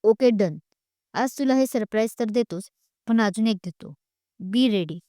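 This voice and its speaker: A woman's voice: fairly high pitch, dark tone, dry recording, studio quality, lightly acted. A woman voicing a caring young man who fires off worried questions and teases, in an audio story read by one narrator. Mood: cheerful. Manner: worried rapid questions, teasing. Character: caring young man, protective elder-brother type.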